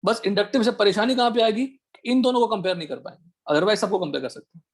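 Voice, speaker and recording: A man teaching an online chemistry class, firing quick questions at his students to check they follow. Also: high-pitched. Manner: quizzing students with rapid questions. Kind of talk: online chemistry class, Hindi mixed with English.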